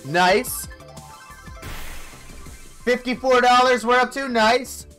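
A man's voice: extremely high pitch, slow pace, pushed and bright, soft background music. A young man giving casual live commentary on slot play, talking in short remarks. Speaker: slot streamer. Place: indoor streaming setup.

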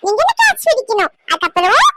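A squeaky, high little cartoon boy, eager and chatty with a sing-song way of talking. Heavy background noise sits under his voice throughout. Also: huge pitch swings, quick pace, exaggerated voice. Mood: playful. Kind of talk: cartoon voice acting.

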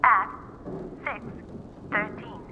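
An impersonal female answering machine in a video game. She announces each word separately, in a slow and clipped way. The playback is lo-fi and heavily noisy. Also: medium pitch.

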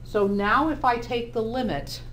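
A woman's voice: fairly high pitch, a little slow, fairly bright tone, a little hiss or hum. A woman math teacher giving a classroom lecture, explaining step by step and often checking in with the class.

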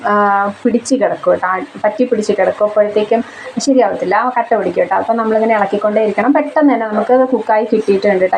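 A young woman telling about her day at home in a cooking vlog. She chats in a homely way, and her voice is hoarse from a blocked throat. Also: a little high, a little mellow, slight background noise, rough recording. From Kerala, India. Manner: chatty, homely storytelling with frequent tag questions. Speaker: cooking vlogger. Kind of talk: casual vlog voice-over. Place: home kitchen. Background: rain.

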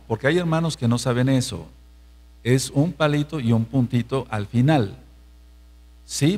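Mexican pastor guy preaching a bible study, mid-pitched voice, repeats himself a lot, keeps checking the crowd gets it. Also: darkish tone. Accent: Mexican Spanish. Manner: emphatic, repeats phrases, asks the congregation questions. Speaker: pastor teaching Torah study. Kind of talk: sermon-style Bible study.

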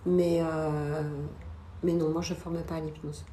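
Middle-aged woman, mellow voice, halting explanations, casual live chat, noisy room. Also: low voice, flat delivery. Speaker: hypnotherapist guest. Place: small indoor room. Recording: echoey room, noisy background.

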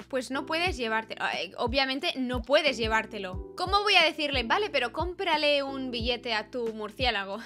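Bright, high-voiced young woman gamer. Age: young adult. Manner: chatty, playful, reads game dialogue aloud. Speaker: gaming youtuber. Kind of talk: casual game commentary. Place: small bedroom with purple light. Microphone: studio mic on arm, close.

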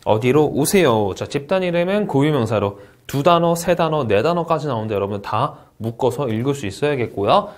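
A man's voice: medium pitch, brisk, hardly any pauses. A man teaching a test-prep lecture, asking rhetorical questions and carefully reading out English model answers. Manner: lively teacherly delivery, frequent "자" and rhetorical questions. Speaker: TOEIC Speaking instructor. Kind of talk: exam review lecture.

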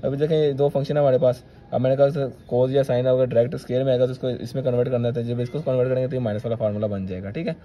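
A man's voice: mid-range voice, steady tone, racing, few pauses, dark tone, a little hiss or hum. A male maths teacher, talking students through each step of a solution and checking in with "theek hai".

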